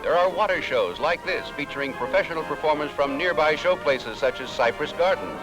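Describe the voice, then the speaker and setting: Lively vintage newsreel narrator, man. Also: a little high, brisk, rough recording. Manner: upbeat promotional tone. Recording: narration over loud music.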